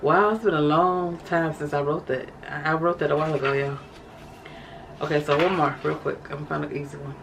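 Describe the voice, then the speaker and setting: A woman's voice: low voice, fairly even intonation, a little fast, creaky, a little hiss or hum, poor audio. Chatty woman reading her journal aloud. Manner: chatty, addresses viewers as y'all. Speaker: vlogger. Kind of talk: casual vlog, reading from a journal.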